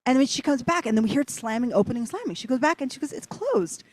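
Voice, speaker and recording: Woman, interview guest, casual storytelling, animated and rambling, fairly high pitch, dry sound. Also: very fast, no room sound. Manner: animated, rambling, heavy use of "like".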